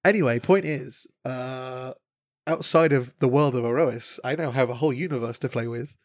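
A man's voice: mid-range voice, moderate pace, no room sound, clean studio sound. A man co-hosting a podcast, talking casually about the world he runs his tabletop game in, rambling and jokey with lots of fillers. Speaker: podcast co-host and game master.

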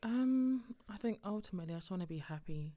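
A woman's voice: medium pitch, animated, a little fast, mellow. A woman, reflecting in a casual chat with friends and laughing often. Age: 20s.

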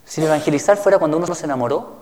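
A man's voice: a little high, rapid-fire, darkish tone. A male pastor giving a teaching sermon, reading scripture aloud and asking the listeners questions. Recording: reverberant hall.

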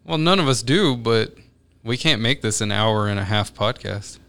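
An animated man in his thirties, hosting a casual podcast with friends. His voice is smooth and resonant but has a gravelly edge, and he jumps high in pitch when excited. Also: normal speed. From United States. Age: 30s. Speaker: podcast host. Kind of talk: casual chat.

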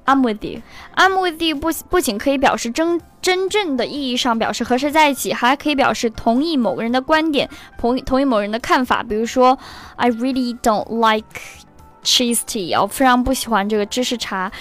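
A woman's voice: fairly high pitch, soft background music. Woman teaching English through song lyrics. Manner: slows down to spell and repeat words.

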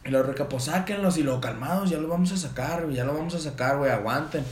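Animated man telling a story. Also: fairly high pitch, fast, echoey room, slight background noise. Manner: animated, acts out quoted voices, heavy slang. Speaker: podcast host. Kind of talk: casual storytelling among friends.

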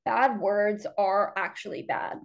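A woman's voice: medium pitch, slow pace, gravelly, highs cut off. A young woman co-hosting a podcast, chatting casually with many fillers. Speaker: podcast co-host. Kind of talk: casual debate chat.

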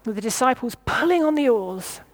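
A woman's voice: on the high side, lively intonation, fairly quick. A woman preaching a sermon, thinking aloud, putting questions to her listeners and sometimes stumbling over her words. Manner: reflective, asks the listeners questions.

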